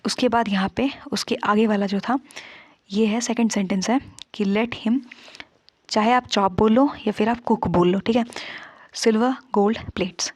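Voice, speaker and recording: Woman teacher, breathy, dry close mic, patient step-by-step exam-prep explainer. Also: mid-range voice, steady tone, normal speed, a little mellow, no room sound. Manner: explains step by step, checks in with "theek" often. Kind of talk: exam-prep lesson solving past papers.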